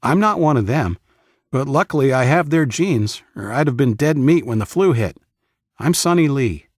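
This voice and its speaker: A confident young man with a brash, upbeat edge, speaking in a noticeably higher register , as a narrator puts him on. His delivery is casual and cheerful, and it sounds close and dry, with a slightly husky grain. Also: lively intonation, moderate pace, dry recording, close to an everyday voice.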